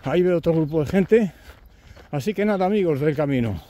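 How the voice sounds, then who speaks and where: Walking a country trail on camera, this male pilgrim vlogger shares chatty stories, laughing and performing his companions' lines. His voice sits slightly high and sounds expressive, brisk and mellow.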